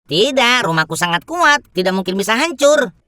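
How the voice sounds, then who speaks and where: Woman voicing a stubborn, fairly high little pig. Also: big pitch swings, normal speed, bright, forceful tone. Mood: defiant. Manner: defiant, snappy. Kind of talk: children's cartoon fairy-tale acting.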